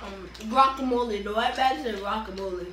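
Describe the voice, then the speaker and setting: A woman's voice: medium pitch, brisk, noisy background. A woman chatting casually in a home video, easygoing and hesitant, with many fillers. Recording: echoey room, picked up from a distance.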